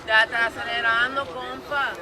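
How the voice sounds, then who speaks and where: A woman's voice: on the high side, little pitch movement, moderate pace, crowd noise. A woman chatting casually in an emphatic, slangy way. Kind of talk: casual chat. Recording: loud outdoor engine noise.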